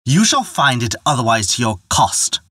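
Guy doing a grumpy old sky god dad, bossy, pitched up, dry close sound. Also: very animated, moderate pace, sharp tone, breathy edge, no room sound, full character voice. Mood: angry. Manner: scolding, imperious. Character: stern angry old male sky god, father. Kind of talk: storybook narration.

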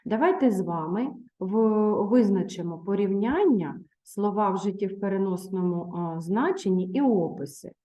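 A woman teacher speaks in a warm, mellow voice at a middling pitch. She reads a children's tale aloud at an even, patient pace. Then she turns to her pupils with simple questions and instructions. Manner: patient, measured, addresses children directly. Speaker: primary school teacher. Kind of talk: reading a story aloud, then a reading lesson.

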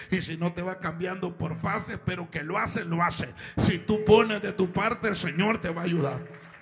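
A man preaching an evangelical sermon, rising to fervent, drawn-out exclamations. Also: sits high, a bit bright.

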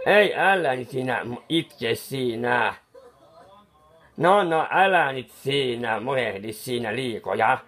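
Brief: a muddled, fussy clown who paints and rambles, pitch swooping up and down, mutters and restarts, as a man acts him out. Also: lively intonation, fairly bright tone. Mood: fussing. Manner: soothing, scolding someone who cries. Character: bumbling, befuddled male clown painter, fussy and kindly. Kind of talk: comic improvised monologue.

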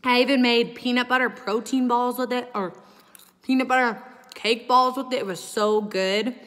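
A young woman gushing in a chatty sales pitch to camera, sometimes talking while she chews. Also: fairly even intonation, normal speed, a bit bright, in a large hall. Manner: gushing, enthusiastic, talks while chewing. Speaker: host promoting a protein shake.

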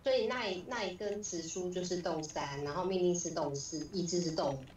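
A woman's voice: on the low side, brisk. A woman student asking tentative questions in a tutoring session. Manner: soft short acknowledgments and tentative questions. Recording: distant mic with faint noise.

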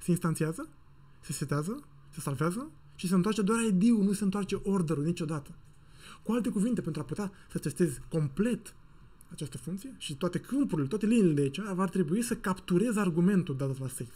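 A man talks through a technical topic in a relaxed, joking way, as if over a video call. His voice is mellow and a little husky. He slips in slang and playful sound effects. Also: high-pitched. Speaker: software conference speaker. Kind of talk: casual technical talk to an online audience.

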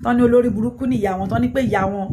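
A middle-aged woman from Ijebu in southwestern Nigeria, a native Yoruba speaker with a Yoruba accent, hosts a livestream commenting on news. Her voice is fairly high and steady as she races through casual, emphatic remarks, repeating her phrases. Her phone sits at arm's length in a small curtained room, picking up noise and room ambience.

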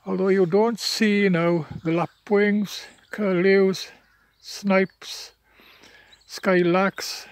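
A tired walker in his seventies, Welsh by birth and by first language, talks very slowly in a steady, high-pitched voice as he films a rural path near wetland. There is no echo on his handheld phone recording, and he remains off-screen, rambling chattily with frequent fillers and restarts.

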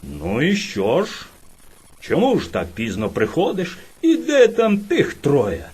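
A woman's voice: sits low, huge pitch swings, slow pace, a little mellow, husky, exaggerated voice. A woman doing a roaring, furious bear lord. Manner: roaring, bullying, boastful.

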